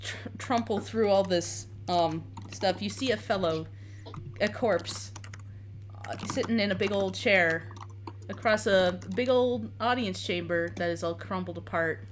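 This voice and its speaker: A woman improvising narration as game master in a tabletop game, casual and halting. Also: mid-range voice, slight background noise.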